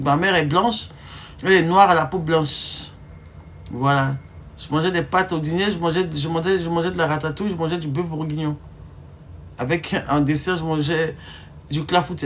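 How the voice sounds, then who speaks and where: A low-pitched woman's voice at normal speed, slightly hissy or humming, belongs to an Ivorian streamer in her thirties. Chatting casually with an Ivorian French accent, she's emphatic and teasing, lobbing rhetorical questions at viewers.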